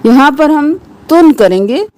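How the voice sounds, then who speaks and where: Female tajweed teacher, high voice, patient letter-by-letter drills with slow chanted recitation. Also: lively intonation, a little mellow. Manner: breaks words into letters and vowels, slow drawn-out recitation. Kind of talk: tajweed lesson, explaining and reciting slowly.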